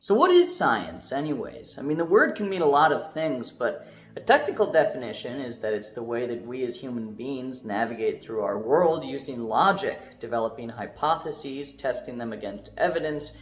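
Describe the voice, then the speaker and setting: A man narrating a video in a casual scripted style, chatty, with joking asides, and a voice that is going a little hoarse. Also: medium pitch, big pitch swings, normal speed. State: losing his voice. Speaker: YouTube narrator.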